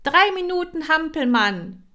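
A woman voicing an eager, bossy young girl who calls out karate drills with loud, drawn-out commands in a children's audiobook. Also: mid-range voice, sing-song, pitched above the performer's own voice. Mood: commanding.

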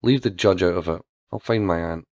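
A man's voice: low voice, brisk, a little mellow, no echo, dull audio, pitched below the performer's own voice. A man reading a story aloud and voicing a foul-mouthed, scornful, menacing young girl, in a growling, mocking way.

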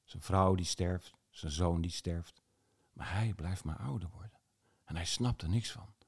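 A man's voice: sits low, unhurried, husky. A man telling a fairy tale aloud, unscripted, sometimes correcting himself mid-sentence. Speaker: storyteller. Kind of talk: oral fairy tale narration.

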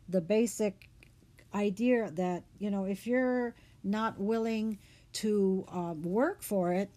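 A woman hosting a reflective talk on the meaning of words, speaking in an unhurried, thoughtful way with fillers. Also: mid-range voice, dark tone.

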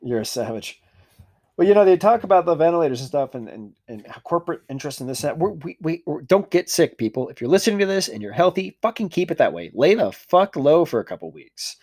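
A man's voice: on the high side, sing-song, quick pace, a little mellow. A man co-hosting a podcast, ranting in casual profane chat and swearing freely. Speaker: podcast co-host.

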